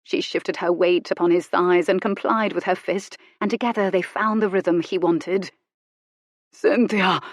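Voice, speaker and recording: A woman narrating a romance novel in an intimate, measured reading. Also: on the low side, steady tone, dry recording, studio quality. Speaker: audiobook narrator.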